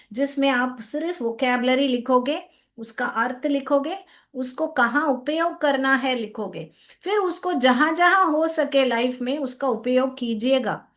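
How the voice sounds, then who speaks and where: Woman teacher, high voice, slow and patient, online class, reads sentences word by word. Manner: slow, patient, calls students "beta".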